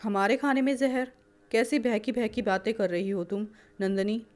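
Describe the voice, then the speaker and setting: A woman voicing a calm, caring young husband in a storybook, speaking in a gentle, reassuring way. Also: mid-range voice, moderate pace, close to an everyday voice. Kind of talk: storybook character voice.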